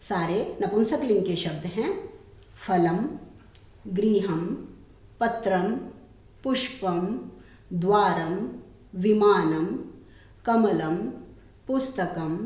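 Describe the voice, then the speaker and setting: Woman Sanskrit teacher, slow and deliberate, reads words and explains them, recorded in an echoey room. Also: medium pitch, warm tone. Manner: reads words aloud, then translates and explains.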